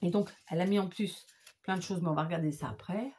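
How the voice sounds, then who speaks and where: A woman's voice: on the low side, quick pace, warm tone, breathy edge. A woman chatting casually to camera as she shows off handmade papercraft gifts, gushing with enthusiasm. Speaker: craft vlogger. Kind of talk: casual show-and-tell chat.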